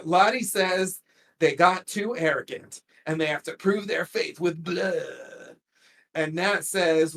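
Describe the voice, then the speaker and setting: A man co-hosting a casual podcast, recapping a TV episode with frequent laughs and lively quoted lines. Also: on the high side. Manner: animated, laughs often, quotes characters in lively voices.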